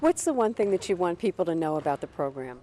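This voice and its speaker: A woman's voice: lowish voice, big pitch swings, fast, dark tone. A woman hosting a community cable TV show who asks short, polite interview questions. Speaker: community TV host. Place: indoor futsal facility.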